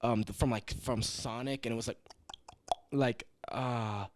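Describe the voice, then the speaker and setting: Co-hosting a casual comedy podcast, a young adult man swears often, stumbles over his words and pokes fun at himself. He speaks a little slowly, with a medium pitch and steady tone.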